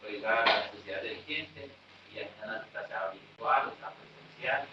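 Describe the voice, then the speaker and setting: A man's voice: lowish voice, moderate pace, noisy background. Man answering in an echoey room. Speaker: workshop participant. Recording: very echoey room, distant dull mic.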